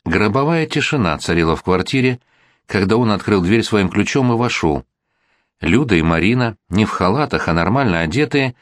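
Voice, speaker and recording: A man narrating an audiobook in a steady, even voice. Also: deep voice, no echo, studio quality.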